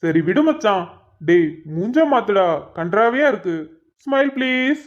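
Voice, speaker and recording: A woman's voice: fairly high pitch, lively intonation, unhurried. A woman voicing a male friend in a cartoon who complains and teases in banter. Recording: dull lo-fi recording.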